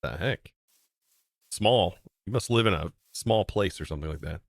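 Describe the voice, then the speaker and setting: A man's voice: low voice, normal speed, vocal fry, no room sound, clean studio sound. An American man streaming a game, chatting casually and answering his chat in disbelief. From United States. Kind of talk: casual livestream chat while gaming.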